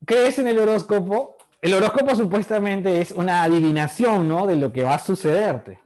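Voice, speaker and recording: A man's voice: high-pitched, normal speed, a little mellow. A middle-aged man teaching an online class, asking the students questions and acting out their voices.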